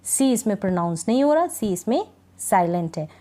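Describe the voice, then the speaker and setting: A woman teaching English reading in Hindi, drilling word lists slowly and checking in with her students over and over. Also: mid-range voice, sing-song, background noise. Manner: slow, repetitive drilling of words, frequent "thik hai" check-ins. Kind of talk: Hindi-language phonics lesson.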